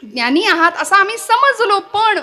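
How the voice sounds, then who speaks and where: A high-voiced woman preaching a devotional kirtan. She tells the story with dramatic flair, slows down to chant Sanskrit verses, and often puts questions to her listeners. Faint music plays behind her. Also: very animated, pushed and bright. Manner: rhetorical questions to the audience. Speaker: kirtan performer.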